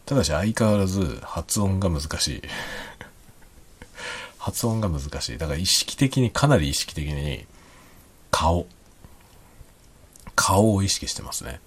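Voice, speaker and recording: A man talking quietly and rambling in a late-night solo chat, with soft chuckles and self-deprecating remarks. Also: low-pitched, lively intonation, a little slow, pauses often, husky. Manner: speaks quietly while drinking. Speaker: podcast host.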